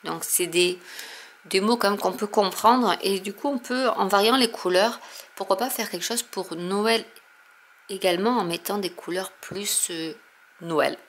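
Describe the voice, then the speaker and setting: Woman host, casual unboxing chat, mid-pitched voice, faint background hiss. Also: unhurried, a bit bright. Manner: chatty, many fillers, explains while showing products. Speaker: crafting channel host.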